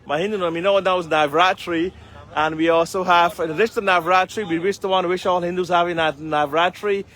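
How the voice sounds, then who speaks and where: A community leader live-streams from a noisy city street, traffic and vehicles passing by, speaking to viewers with earnest, formal phrasing. His voice is high, steady, and fairly bright, and he talks fairly quickly.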